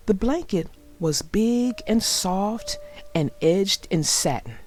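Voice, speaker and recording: With deliberate, expressive delivery aimed at young listeners, a woman narrates a children's storybook in a medium-pitched voice. A little hiss or hum is audible.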